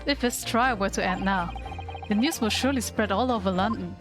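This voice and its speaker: A woman voicing an earnest, insistent male defence lawyer from a video game in a formal, deliberate way. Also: medium pitch, lightly acted. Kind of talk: amateur voice acting of game dialogue. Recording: game music behind the voice.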